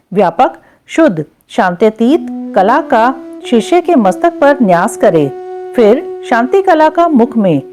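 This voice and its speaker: Woman reading scripture slow and steady, kinda high voice, soft music way back. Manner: measured, chanting Sanskrit verses slowly. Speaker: scripture reader. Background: faint background music.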